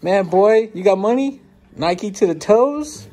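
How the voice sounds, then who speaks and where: A man's voice: high-pitched, lively intonation, unhurried, soft background music. A man chatting casually in an easygoing, storytelling way for his vlog. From Texas, US. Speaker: barber and vlogger. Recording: loud background noise, traffic.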